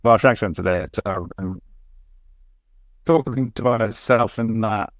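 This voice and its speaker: Low-voiced man, candid and reflective. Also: takes it slowly, no room sound, studio quality. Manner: candid, reflective, with hesitant restarts. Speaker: podcast co-host. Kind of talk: casual podcast chat.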